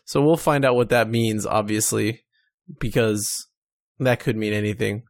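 A man's voice: fairly low pitch, vocal fry, no room sound, clean studio sound. A man co-hosting a podcast, talking about gaming news in a wry, joking way. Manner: wry, joking, quick to laugh. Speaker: podcast co-host. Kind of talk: casual gaming news chat.

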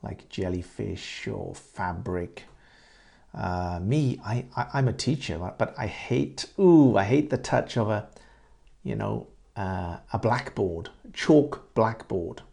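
A middle-aged man from England talks through conversation questions like a patient teacher, repeating phrases so learners catch them. His voice sits low and mellow with a gravelly edge, and he takes his time. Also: animated. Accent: English. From Great Britain. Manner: repeats words and phrases slowly and clearly for learners. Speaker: English teacher. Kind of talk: conversation-practice lesson, asking and answering questions.

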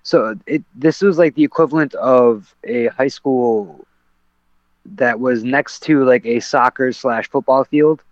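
A man's voice: medium pitch, measured pace, no room sound. A man, a professional fighter, telling a story on a podcast in a casual, rambling way with lots of fillers and restarts. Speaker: guest, professional MMA fighter. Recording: dull lo-fi, dry sound.

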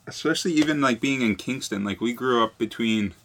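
A young man answering interview questions in a relaxed, casual way, full of "like". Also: mid-range voice, a little fast, a little hiss or hum. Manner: relaxed, many fillers like "like". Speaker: guest.

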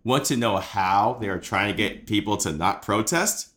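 A man's voice: fairly low pitch, normal speed, a bit bright. A drunk Southern man hosting a podcast, rambling, profane and self-mocking. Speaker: podcast host. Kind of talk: comedic casual chat.

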